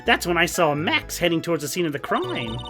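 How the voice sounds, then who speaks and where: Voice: mid-range voice, sing-song, fairly quick, sharp tone, faint music behind. A streamer voicing a petulant ventriloquist's puppet from a video game with a nasal, tough-guy voice. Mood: indignant. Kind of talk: hammy video game character voice acting.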